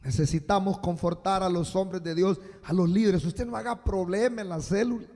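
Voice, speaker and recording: A man preaching a sermon as a pastor, slow and emphatic with sudden loud bursts, recorded live in a church. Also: high-pitched. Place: church sanctuary. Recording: live church hall with long reverb.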